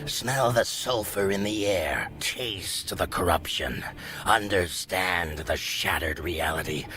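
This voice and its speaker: A man's voice: deep voice, slow, sharp tone, heavily acted. A man voicing a mysterious talking skull totem in a video game, solemn and ominous, as if chanting commands. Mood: ominous, commanding. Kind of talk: video game character acting.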